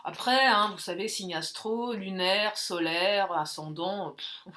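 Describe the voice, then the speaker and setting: A woman's voice: medium pitch, slow, sharp tone. A woman doing a casual card reading, chatty and jokey, thinking aloud with many fillers. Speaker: tarot and oracle card reader.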